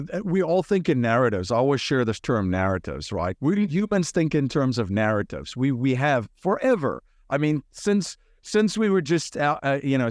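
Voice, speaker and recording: A man's voice: mid-range voice, dry recording, studio quality. A man from South Africa, a podcast guest, telling his story earnestly with frequent restarts. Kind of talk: conversational interview.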